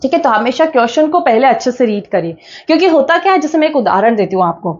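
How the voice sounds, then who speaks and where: A woman with a high voice teaches an exam-prep class, patient and methodical. She repeats each point and asks herself questions, then answers them. The audio sounds dull and lo-fi. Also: expressive, quick pace.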